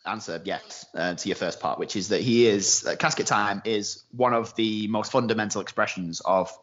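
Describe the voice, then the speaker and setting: A man's voice: on the low side, normal speed, a bit bright, highs cut off. A man, a game developer, explaining rules in a casual podcast chat with many fillers.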